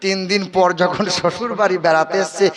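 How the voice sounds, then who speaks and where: A man's voice: sits high, steady tone, normal speed. A man from Bardhaman preaching a waz sermon with a Bardhaman Bengali accent, singing some phrases and joking with his listeners. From Bardhaman district, West Bengal, India. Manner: sings phrases, jokes with the audience, calls listeners "bap". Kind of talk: waz sermon with melodic chanting. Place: religious gathering in Murshidabad. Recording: crowd audible at a public sermon gathering.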